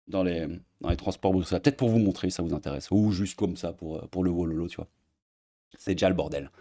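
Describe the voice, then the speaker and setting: This is a low, slightly mellow male voice, a young Belgian streamer whose Belgian French accent comes through as he mocks things crudely for his viewers. The rant is casual, full of filler words, and recorded on a desk mic at an editing setup.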